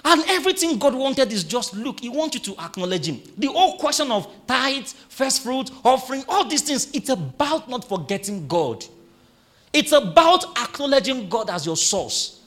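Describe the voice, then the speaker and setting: Preaching a sermon, a male pastor leads his congregation in call-and-response and reads scripture slowly and with emphasis. His voice is very high-pitched and a bit bright, with big swings in pitch.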